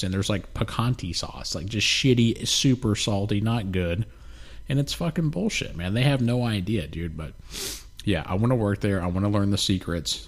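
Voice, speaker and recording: Deep-voiced laid-back man, a bit nasal. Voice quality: snotty, nasal. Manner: laid-back, profane, rambling. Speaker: podcast co-host. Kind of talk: casual chat. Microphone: studio mic with headphones.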